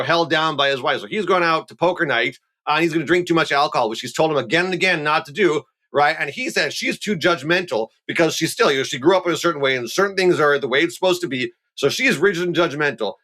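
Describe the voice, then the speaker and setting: A man, a rabbi, talking on a podcast and arguing emphatically, building his point through everyday examples. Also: on the high side. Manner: animated, emphatic, argues with examples. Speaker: rabbi guest. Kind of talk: podcast discussion.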